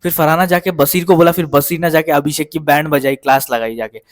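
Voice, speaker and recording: Fairly high-voiced man recapping casually. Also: steady tone, fast, no echo, studio quality. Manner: rambling retelling, keeps checking in with listeners. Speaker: reality show recap vlogger. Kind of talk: casual spoken episode recap.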